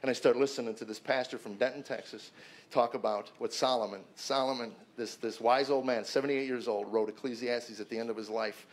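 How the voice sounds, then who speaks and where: A man's voice: fairly even intonation, brisk. A man in his fifties giving a personal testimony to a men's gathering, emphatic and repeating words when stuck. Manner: emphatic storyteller, swings loud and high at peaks.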